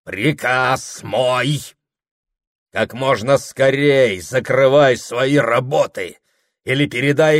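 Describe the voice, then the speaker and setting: A man voicing a domineering, grandiose husband who shouts and hammers every phrase in an audiobook. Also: medium pitch, creaky, dry recording, studio quality, voice pushed up. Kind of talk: audiobook character voice.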